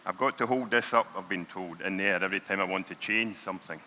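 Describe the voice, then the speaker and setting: Forceful Scottish man presenting in a reverberant hall. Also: sits low, fast, slight background noise. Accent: broad Scottish. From Scotland. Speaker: conference speaker, payments product lead. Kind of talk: conference presentation to an audience. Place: on stage in a large hall. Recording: reverberant large hall sound.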